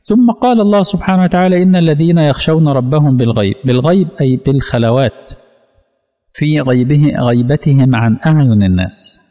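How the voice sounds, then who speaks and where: An Egyptian man gives a religious lesson at a quick clip and keeps putting questions to his listeners. His voice is low and warm. A long reverb trails behind him, as if he is speaking in a large hall. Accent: Egyptian Arabic. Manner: asks the audience rhetorical questions. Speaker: religious teacher.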